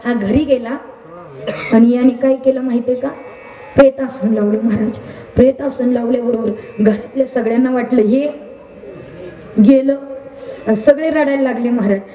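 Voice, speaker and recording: A woman kirtan preacher from Maharashtra tells a devotional story in a high, bright voice. She keeps turning to the audience with questions. Her voice echoes through a large hall. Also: brisk, far from the mic, lo-fi sound. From Maharashtra, India. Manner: animated, asks the audience questions.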